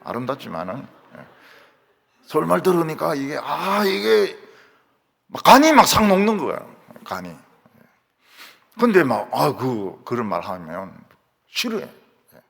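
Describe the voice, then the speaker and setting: A male pastor with a Gyeongsang accent preaching a sermon in a church, telling stories in an animated way and acting out the voices he quotes. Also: fairly high pitch, unhurried, creaky, long pauses. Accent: Gyeongsang Korean. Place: church sanctuary. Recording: reverberant church hall.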